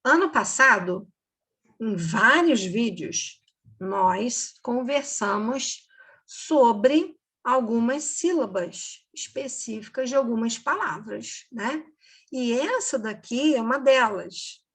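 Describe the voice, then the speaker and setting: A woman teacher giving a slow, patient recorded reading lesson for children, repeating words and checking in with "ok?". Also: on the high side, expressive, fairly bright tone, breathy edge.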